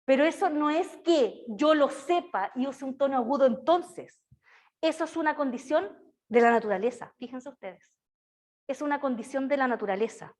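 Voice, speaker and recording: A woman's voice: high voice, lively intonation, moderate pace, darkish tone. A woman giving a classroom lecture on early childhood education. She keeps checking in with her students through tag questions and slips into a sing-song baby-talk voice for her examples.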